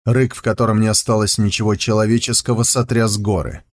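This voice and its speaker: A man reading an audiobook with steady, measured scripted narration. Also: on the low side.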